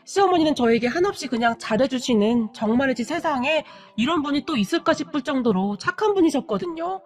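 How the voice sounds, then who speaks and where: Female narrator for a family drama story, high voice, gossipy. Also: expressive, fairly quick. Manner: gossipy, recounting hearsay.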